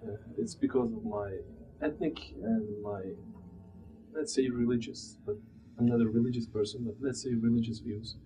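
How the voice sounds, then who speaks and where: Speaking at a medium pitch with fairly even intonation, a Turkish-accented man in his thirties reflects haltingly on his personal story as an immigrant. The interview takes place in a small, plain indoor room, and the audio sounds dull and muffled with background noise.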